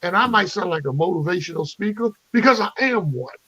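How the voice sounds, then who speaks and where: Husky motivational life-coach man, exhorting. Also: high-pitched, expressive, a little fast, bright, forceful tone, no room sound, highs cut off. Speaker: guest, motivational speaker.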